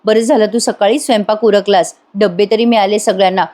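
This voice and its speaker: A woman's voice: medium pitch, steady tone, fairly quick, darkish tone, close to an everyday voice. A woman reading the lines of a kind middle-aged mother-in-law who fusses in a motherly way.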